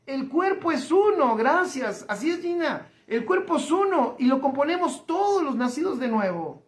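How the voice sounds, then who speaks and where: A man, a pastor preaching a livestreamed sermon, emphatic and slowing down to repeat key phrases. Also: very high-pitched, sing-song. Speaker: pastor and teacher. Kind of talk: livestreamed sermon reading viewer comments.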